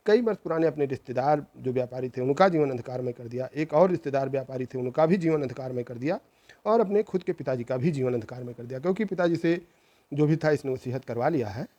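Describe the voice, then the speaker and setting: A man's voice: medium pitch, lively intonation, quick pace, warm tone, dull audio. A middle-aged man, host of his channel, earnestly telling a true family story in a reproachful, moralizing way, repeating phrases for emphasis.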